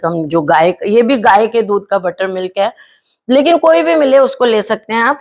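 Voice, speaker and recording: A woman with a fairly high voice walks viewers through a home gardening lesson. She explains things step by step in a chatty way, leans on tag questions and fillers, and slips words in as she goes. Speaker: gardening channel host.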